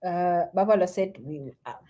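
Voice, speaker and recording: A young South African woman giving spiritual advice in a casual live stream, animated and chatty, sometimes dropping to a soft near-whisper. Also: lowish voice, normal speed, muffled recording. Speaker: spiritual teacher answering viewer comments.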